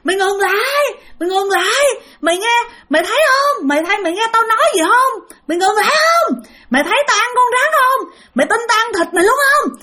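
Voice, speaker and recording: A woman voicing a taunting pale demon that yells and jeers in a shrill voice, in a spoken ghost story. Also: lively intonation, a little fast, full character voice. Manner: shrill, yelling and jeering.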